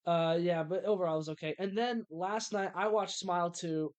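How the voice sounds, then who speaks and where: A young man raves about films as a podcast co-host, eager and often restarting his sentences. His voice sits a little high for a man. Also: fairly even intonation, normal speed, darkish tone, smooth. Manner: enthusiastic, stumbling restarts. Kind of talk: casual movie review chat.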